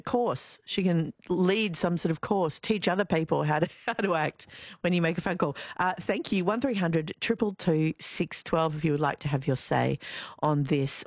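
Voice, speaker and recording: An Australian woman hosting a talkback radio show, chatty and lively, reading out clues slowly and carefully. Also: low voice, no echo, clean studio sound. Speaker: radio host. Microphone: studio microphone.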